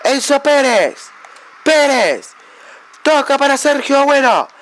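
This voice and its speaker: A young Argentine man commentating his own football video game match like a fan, cheering and shouting at big plays. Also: extremely high pitch, lively intonation, slow pace. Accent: Argentine Spanish. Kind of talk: excited play-by-play game commentary.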